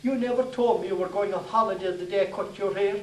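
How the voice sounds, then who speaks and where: A man's voice: high-pitched, quick pace, a little hiss or hum, close to an everyday voice. An Irish man doing a nosy, aggrieved village barber. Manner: prying and aggrieved. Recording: echoey room from far off.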